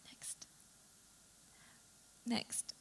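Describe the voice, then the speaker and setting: A woman's voice: extremely slow, fairly bright tone, in a whisper. A young adult woman, a photographer from Saudi Arabia, giving a chatty presentation talk with fillers and self-corrections. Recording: long reverb of a hall.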